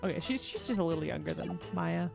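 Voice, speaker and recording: A woman's voice: on the low side, animated, fast, creaky, music in the background. A young woman streamer joking through casual let's-play commentary and reading game lines aloud.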